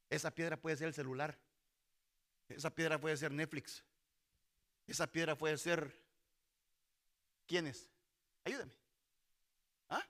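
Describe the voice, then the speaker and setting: A man's voice: fairly high pitch, sharp tone. A middle-aged male pastor preaching a sermon in a church hall, calling out to the congregation and acting out voices from Bible stories. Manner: preaching with call-and-response to the congregation.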